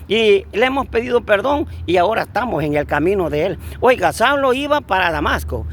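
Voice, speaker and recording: A man's voice: high-pitched, sing-song, fairly quick, fairly bright tone. A man preaching a fervent sermon outdoors, repeating blessings and calling listeners brothers.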